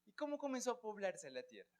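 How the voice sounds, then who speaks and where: A man's voice: sits high, big pitch swings, fast talker. A man with a Colombian Spanish accent teaching a church Bible class, often checking in with his students and asking them questions.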